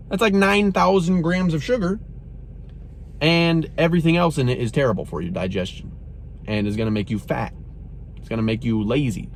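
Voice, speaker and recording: A man's voice: a little high, slight background noise. A young man reviewing a drink in a casual, exasperated rant, saying "bro" often. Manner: animated, exasperated, says "bro" a lot.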